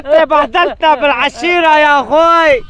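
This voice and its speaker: A man's voice: extremely high pitch, a little fast, sharp tone, heavily acted. A man playing a hospitable herder who lives out in the desert, speaking in a comic sketch and earnestly repeating brotherly address. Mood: worried. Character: hospitable rural male herder living out in the desert.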